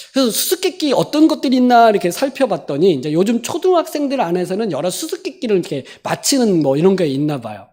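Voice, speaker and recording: Lively conversational woman preacher. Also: fairly low pitch. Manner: conversational storytelling with rhetorical questions. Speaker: pastor. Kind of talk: sermon. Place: church sanctuary.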